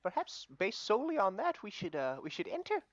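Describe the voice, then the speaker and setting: A man's voice: high voice, huge pitch swings, fairly quick, fairly bright tone, muffled recording, exaggerated voice. A man voicing a cheerful female hill dwarf fighter, giggling as he goes. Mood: jolly. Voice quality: giggly, put-on awful Welsh accent.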